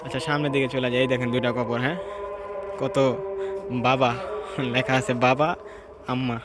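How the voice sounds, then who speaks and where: A man gives a hushed, reflective walking tour of an outdoor graveyard, pausing to read the graves aloud. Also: medium pitch, little pitch movement, music in the background. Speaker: vlogger. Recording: outdoor ambience noise.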